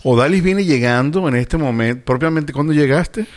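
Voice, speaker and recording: A man's voice: on the high side, normal speed. Friendly male radio host. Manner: friendly, informal interviewer. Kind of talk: radio interview.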